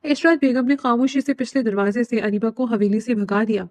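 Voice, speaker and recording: A woman's voice: fairly high pitch, darkish tone, dry recording. Woman narrating a romance novel.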